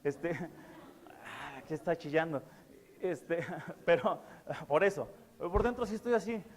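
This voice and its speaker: A pastor preaches slowly in a fairly high voice, earnest and given to repeating his key words, with fillers between phrases. The long reverb of a church hall rings around his sermon.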